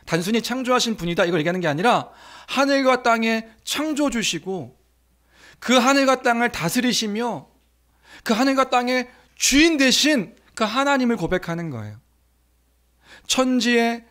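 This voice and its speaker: Male pastor, high voice, sermon style. Quizzes the congregation and acts out quotes with growing force. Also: fairly bright tone. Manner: asks the congregation questions, acts out quoted blessings with rising force.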